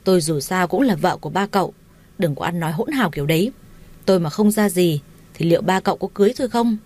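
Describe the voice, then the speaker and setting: A quarrelsome middle-aged stepmother who nags and wails, as a woman narrator puts her on. The voice is low and only lightly changed from the reader's own. It is a simple storytelling take on a shrewish role. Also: animated, fast, a little mellow. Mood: nagging. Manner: nagging, wailing.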